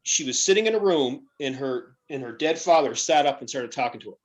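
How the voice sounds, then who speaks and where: A man's voice: mid-range voice, expressive, brisk. A man hosting a podcast, telling stories in a chatty way with lots of fillers. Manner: chatty storyteller, many you-know fillers. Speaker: podcast host. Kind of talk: casual chat.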